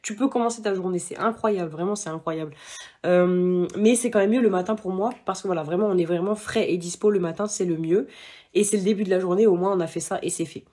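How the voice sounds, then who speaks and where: A woman's voice: fairly low pitch, quick pace, dark tone. A young woman chatting to camera, giving running tips with lots of fillers and restarts. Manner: chatty, many fillers and restarts, addresses viewers directly. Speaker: vlogger giving running advice. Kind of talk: casual talk to camera.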